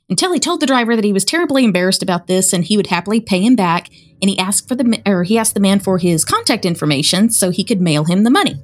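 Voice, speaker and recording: A woman with a Southern American accent, co-hosting a podcast and chattily retelling a spooky story. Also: mid-range voice. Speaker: podcast co-host. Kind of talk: casual storytelling chat.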